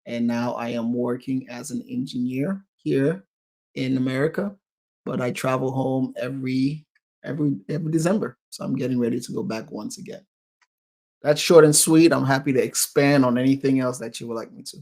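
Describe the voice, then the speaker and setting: A man in his thirties from Cameroon chats as an interview guest, and his voice has a gravelly edge. He is upbeat and laughs easily, and he speaks at a medium pitch. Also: steady tone, moderate pace, a little mellow. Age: 30s. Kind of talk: casual interview chat.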